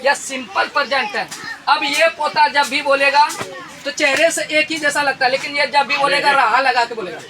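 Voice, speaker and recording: A man's voice: very high-pitched, moderate pace. A man teaching a grammar lesson to a classroom, firing questions at the pupils and tagging them with a local "re". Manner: quizzes the class, tags questions with "re". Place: busy school classroom. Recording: noisy crowded room. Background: children's chatter and noise.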